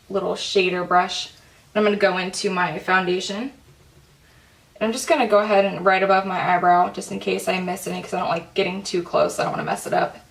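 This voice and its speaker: With a creaky, mid-range voice recorded from a distance, a young beauty vlogger chats her way through an at-home makeup tutorial. Her casual talk is full of fillers, especially "like," along with plenty of "um."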